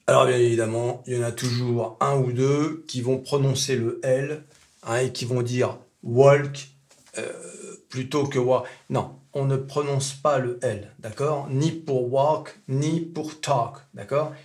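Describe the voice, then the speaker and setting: A man speaking French, teaching English pronunciation in a casual video lesson, chatty and self-mocking, stretching out example words slowly. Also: medium pitch, steady tone.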